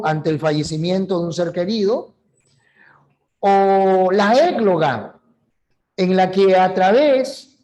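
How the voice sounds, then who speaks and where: Man, language teacher, online class, high voice, slow and deliberate, speaks straight to students. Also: a little mellow. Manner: explanatory, acts out examples, addresses students directly.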